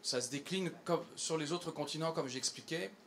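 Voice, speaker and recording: A man speaking at a public event, earnest in tone and pausing often with fillers and restarts. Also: on the high side, fairly bright tone, slight background noise. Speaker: environmental campaigner addressing company staff. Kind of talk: public talk to an audience.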